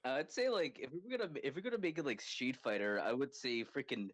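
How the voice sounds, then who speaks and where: A man co-hosts a casual podcast chat, rambling excitedly and packing his sentences with "like". His voice sits at an ordinary male pitch. The recording is dry and close, with no room sound around him. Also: a little fast, no room sound. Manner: rambling, excitable, filler-heavy with constant "like". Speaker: podcast co-host.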